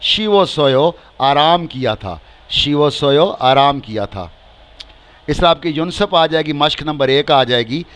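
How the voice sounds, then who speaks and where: Slow, repetitive Pakistani male teacher. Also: a little high, expressive, fairly bright tone. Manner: slow and repetitive, stretching each word and repeating phrases with translations. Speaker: language teacher. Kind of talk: spoken language lesson.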